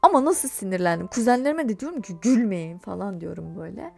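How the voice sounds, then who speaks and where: A woman's voice: medium pitch, quick pace, vocal fry, faint music behind. A young woman vlogging, chatting and laughing as she tells a personal story. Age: young adult. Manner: chatty, animated, laughs while telling. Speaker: YouTuber. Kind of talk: casual storytelling vlog.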